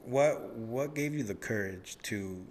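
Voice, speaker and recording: A man's voice: mid-range voice, animated, slow. A man hosting a podcast, introducing a guest emcee-style, then chatting casually and repeating words back. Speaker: podcast host. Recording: reverberant room sound.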